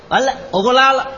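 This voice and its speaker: A man performing a crosstalk comedy routine, telling a lively story and mimicking card players. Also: extremely high pitch. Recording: dull old recording with faint hiss.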